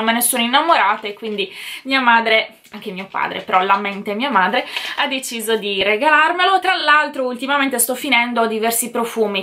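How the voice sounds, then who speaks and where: A young woman, a beauty vlogger, talks to the camera in a sharp, higher-pitched voice. She chats casually and enthusiastically about her Christmas gifts, gushing over each one as she shows it.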